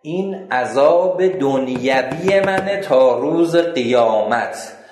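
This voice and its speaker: Man acting out a damned tormented man, slow dragging speech, echoey room. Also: mid-range voice, animated, background noise, natural voice. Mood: grim confession.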